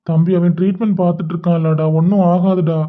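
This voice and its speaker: A man voicing a loyal young male friend in a cartoon, speaking with steady reassurance in a Kanyakumari Tamil accent. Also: high voice, quick pace, lightly acted. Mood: reassuring. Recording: dull lo-fi recording.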